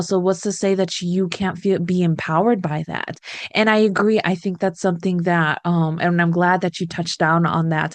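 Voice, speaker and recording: Chatty woman host, low dry voice. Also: a little mellow, no room sound. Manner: chatty, affirming, with frequent "you know what I mean". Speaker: podcast host. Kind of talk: casual interview chat.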